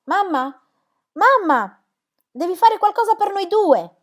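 A woman reading a novel aloud voices a frightened, grieving young woman who cries out in high, loud, anguished calls. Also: big pitch swings, takes it slowly, heavily acted. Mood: panicked.

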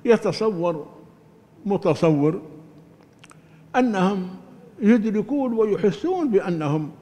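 An older man teaching Quran commentary in a deliberate, emphatic lecture style, often restarting his words. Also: high voice, lively intonation, mellow. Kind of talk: religious lecture. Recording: long hall reverb.

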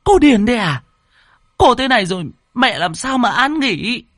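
A frantic older aunt who scolds in a piercing, shrill voice that climbs high. She sounds loud and keyed up in a dry, close audio story. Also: big pitch swings, moderate pace, no echo, full character voice. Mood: scolding, alarmed.

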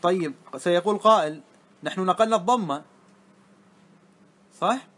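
High-pitched male teacher leading a classroom grammar lesson, patient step-by-step explanations, stretches out key words. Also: moderate pace, a bit bright. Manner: explains step by step, often checking understanding with the class.

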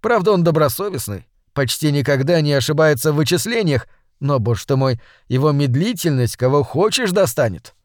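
Guy reading an audiobook, slightly high voice, dry close studio sound. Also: expressive, a little fast, no echo. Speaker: audiobook reader. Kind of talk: scripted narration.

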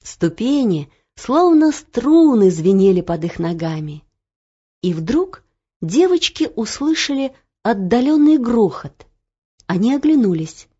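A woman narrating a children's story in an expressive storytelling manner, on a dull, muffled audiobook recording. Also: on the high side, slow pace, breathy edge.

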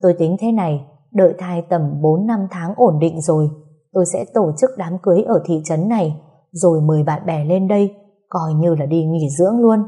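Woman voicing a brisk, bossy older mother-in-law. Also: fairly low pitch, mellow, breathy edge. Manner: bossy, scolding.

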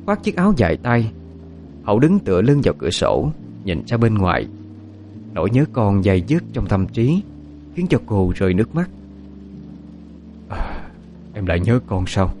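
A man narrating a dark story in a dramatic, expressive reading. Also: fairly low pitch, normal speed, slight background noise. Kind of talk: scripted narration of a ghost story.

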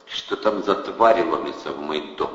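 A man voicing a stern, curt man who speaks with quiet menace. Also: very deep voice, moderate pace, reverberant, in a large hall, lo-fi sound. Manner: curt, flat, commanding.

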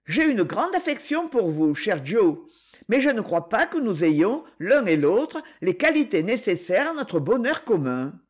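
A woman voicing a proud young woman who refuses a suitor with gentle firmness. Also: mid-range voice, sing-song, a little slow. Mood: gently firm. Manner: gentle but firm, reproachful.

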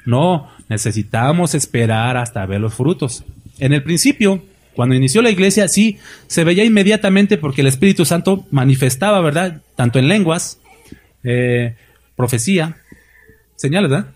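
A middle-aged man with a Mexican Spanish accent preaches with fervor, his voice slightly husky and pitched a bit high. He keeps asking his listeners rhetorical questions and acts out short quotes as he builds his points. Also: animated, normal speed. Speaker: pastor. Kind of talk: sermon.

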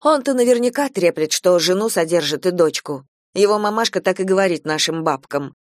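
A woman's voice: fairly low pitch, animated, no echo, studio quality, lightly acted. A woman reading an audiobook, voicing a worn-out single mother who complains bitterly about her ex-husband and his mother. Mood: aggrieved. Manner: fast, bitter, exasperated complaining.

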